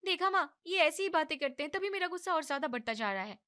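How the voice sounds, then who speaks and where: A woman doing a high, fed-up young daughter-in-law. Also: expressive, a bit bright. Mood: complaining. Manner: high, complaining and quick.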